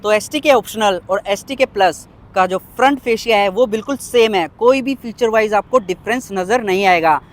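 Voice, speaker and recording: A man walking around parked cars outdoors, listing their features one by one in a brisk review. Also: high voice. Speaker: car reviewer. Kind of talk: car walkaround review.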